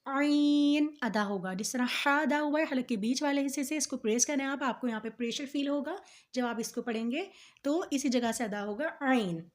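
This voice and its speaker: High-voiced woman teaching letter sounds. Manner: slow drawn-out letter recitation between explanations; patient, repeats each point. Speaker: Quran teacher. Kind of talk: tajweed lesson on letter sounds.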